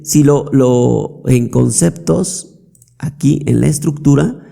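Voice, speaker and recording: Gravelly, dark-voiced man teaching software. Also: mid-range voice, slow. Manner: explanatory, frequent check-ins like "¿ok?" and "¿listo?". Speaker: software tutorial instructor. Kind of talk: screen-recorded software tutorial.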